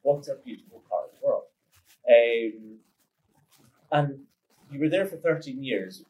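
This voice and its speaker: A man's voice: medium pitch, expressive, unhurried, a little mellow, rough recording. A man hosting a podcast, chatting casually, laughing often and restarting his sentences. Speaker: podcast host. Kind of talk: casual interview chat.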